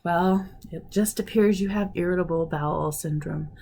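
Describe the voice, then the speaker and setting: A woman in her forties chatting casually in a vlog, telling stories with animated retellings of conversations and sounding frustrated. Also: on the low side, moderate pace, gravelly, slight background noise. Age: 40s. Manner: animated storytelling, acting out quoted conversations; frustrated, ranting. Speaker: vlogger. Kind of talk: casual chat.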